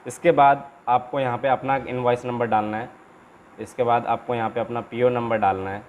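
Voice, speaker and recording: Heard through narrow, tinny audio, a man with a mid-range voice speaks at a moderate pace with fairly even intonation. As the channel's host and trainer, he informally walks viewers through paperwork step by step, repeating himself often with small check-ins, amid clear background noise and room ambience.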